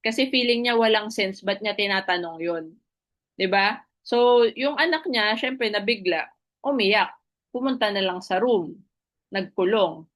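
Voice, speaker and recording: Woman, network marketing presenter, motivational recruitment pitch, mid-pitched voice, leans on tag questions, code-switches freely. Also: a little slow, long pauses, a bit bright. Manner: keeps checking in with listeners through tag questions; switches freely between two languages mid-sentence. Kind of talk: motivational recruitment talk with a story.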